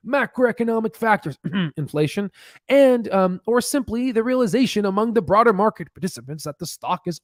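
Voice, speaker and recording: A slightly hoarse man in his thirties hosts a stock-analysis livestream from his indoor home studio, talking close into a boom-mounted podcast mic with no room sound. He's animated and emphatic, repeating phrases and sometimes dropping to a whisper.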